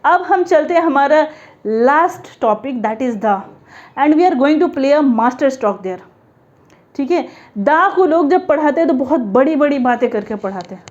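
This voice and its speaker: A woman teaching an English grammar lesson to learners, explaining step by step and sounding out letters slowly. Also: high voice, animated, a little mellow, lo-fi sound.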